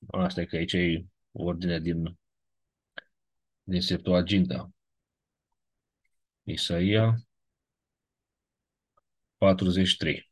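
In this dry recording, a man with a low, slightly rough voice teaches biblical Greek online. His lecture moves step by step, and he checks in often with those listening.

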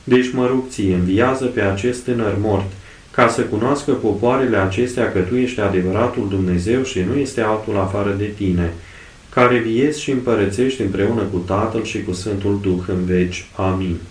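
A man voicing an aged male apostle who prays in slow, devout intoning, recorded in an echoey room away from the mic. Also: on the low side, distant mic, lightly acted.

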